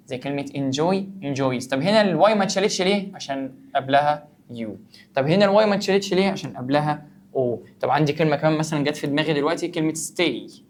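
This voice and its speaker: Fast-talking Egyptian teacher. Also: male voice, on the high side, slight background noise. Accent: Egyptian Arabic. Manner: asks and answers his own questions, playfully teasing the student. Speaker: English teacher. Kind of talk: online grammar lesson.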